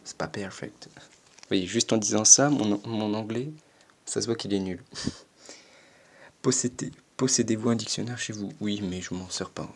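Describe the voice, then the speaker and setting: A man's voice: lowish voice, a little slow, long pauses, a little hiss or hum. A fourteen-year-old boy reading quiz questions aloud and answering them, hesitant and self-mocking, with lots of stammering and fillers. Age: teenager, 14. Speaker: YouTuber answering an online quiz.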